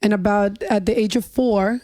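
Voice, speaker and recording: A woman's voice: medium pitch, steady tone, moderate pace, dark tone, no room sound. A middle-aged woman from New York, chatting casually as a podcast guest and joking about her age. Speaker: music executive guest.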